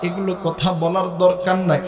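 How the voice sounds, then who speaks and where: A man's voice: sits high, flat delivery, moderate pace, a little mellow, distant mic, natural voice. A preacher doing a sorrowful old father. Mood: urging. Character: sorrowful old father hiding his wife's death. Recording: echoey hall with faint music.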